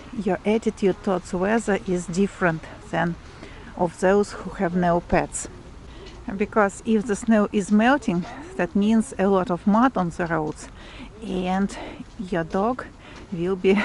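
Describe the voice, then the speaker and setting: A woman with a Russian accent chatting casually for a walk-and-talk vlog, explaining things haltingly as she searches for English words. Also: lowish voice. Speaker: vlogger. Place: outdoors, walking through a provincial town. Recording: clearly noisy outdoor street ambience, vehicles. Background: urban outdoor noise and vehicles.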